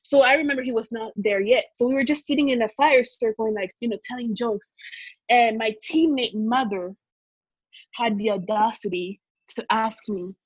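A woman's voice: fairly high pitch, moderate pace, slightly rough, dry recording, low-quality recording. A woman from Congo telling a personal story in a casual, emotional, rambling way full of fillers.

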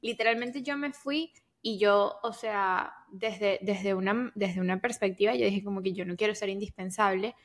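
A woman's voice: mid-range voice, moderate pace, few pauses. A woman co-hosting a casual chat, telling stories in Spanglish, dropping English words into her Spanish. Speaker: podcast co-host.

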